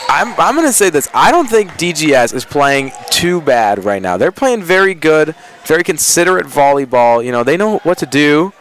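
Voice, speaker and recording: A man's voice: on the high side, sing-song, normal speed, hardly any pauses, fairly bright tone. A man doing color commentary at a school volleyball game, joking and rambling between plays. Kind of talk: casual sports banter.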